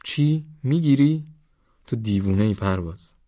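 A man's voice: lowish voice, darkish tone, no room sound, close to an everyday voice. A man voicing a cautious young man who scolds a reckless friend, in a dull, dry recording. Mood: alarmed. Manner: alarmed, scolding.

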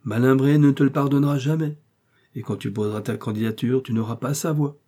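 A man voicing a witty, ironic gentleman friend who teases in a light, mocking way. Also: mid-range voice, steady tone, brisk, close to an everyday voice. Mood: teasing. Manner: teasing, ironic.

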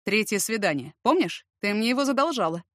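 A woman's voice: mid-range voice, animated, brisk, fairly bright tone, no room sound, clean studio sound, close to an everyday voice. A woman voicing a drunk, cocky young man who taunts with a mocking drawl. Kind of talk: audiobook character reading.

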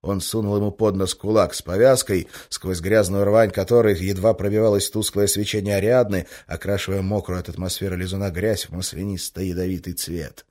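A male narrator reads an action-packed audiobook with a fairly low voice. His delivery is brisk and tense, carrying the action forward. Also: steady tone, warm tone. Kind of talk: scripted narration.

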